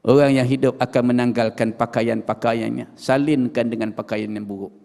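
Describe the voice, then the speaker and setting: A man with a Malaysian Malay accent preaching a storytelling sermon in a prayer hall, swinging dramatically between loud and hushed. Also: mid-range voice, fairly even intonation, moderate pace, vocal fry.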